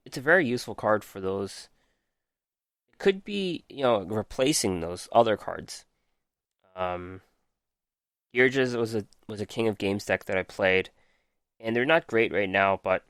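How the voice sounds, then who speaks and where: With a lowish, fairly bright voice recorded at studio quality and without echo, this man hosts a podcast reviewing a card game casually. He reads card text methodically and critiques it, full of ums, as his voice gives out.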